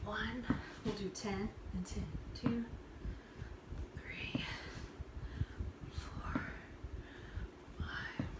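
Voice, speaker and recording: A woman's voice: mid-range voice, level tone, extremely slow, pauses often. A woman leading a workout as a fitness instructor, explaining moves and counting reps informally, often thinking aloud. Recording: roomy, far from mic, noisy.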